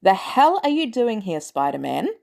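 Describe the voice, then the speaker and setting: A woman's voice: medium pitch, big pitch swings, moderate pace, gravelly, a little mellow. A woman voicing a brash, sarcastic male armored superhero in a story reading.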